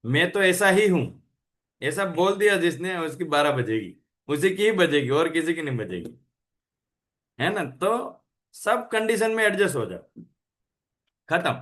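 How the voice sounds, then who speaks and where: A man's voice: fairly high pitch, big pitch swings, measured pace, pauses often, a bit bright. A man hosting a health channel, giving a casual motivational talk, chatty and full of rhetorical questions, mixing languages.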